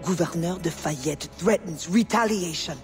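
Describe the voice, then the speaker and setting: Grave, pleading rebel ally. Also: female voice, lowish voice, unhurried, over music. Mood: grave warning. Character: worried, pleading woman, cautious ally of rebels. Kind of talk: dramatic video game acting.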